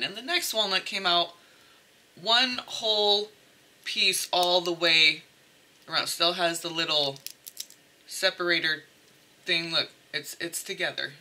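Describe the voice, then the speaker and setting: A woman rambles playfully through a tarot reading, often slipping into exaggerated asides. Her lowish voice sounds pushed and bright, and the recording is rough.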